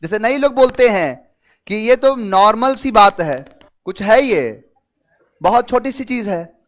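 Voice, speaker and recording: A young man teaching English idioms in a casual classroom style, reading out answer choices slowly and mixing in anecdotes. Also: high voice, animated. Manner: explains slowly, reads options aloud, tells anecdotes.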